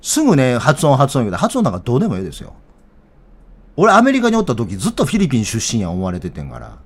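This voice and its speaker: Kansai guy ranting about politics, blunt and rough, voice jumping all over. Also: medium pitch, wildly swooping pitch, rapid-fire. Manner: blunt, rough-spoken, heated. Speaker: political commentator. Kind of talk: casual political commentary.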